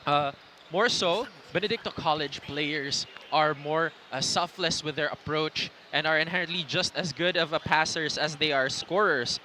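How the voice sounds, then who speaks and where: A man's voice: on the high side, normal speed, bright, forceful tone. A man giving pre-game analysis as a sports commentator. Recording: faint venue noise.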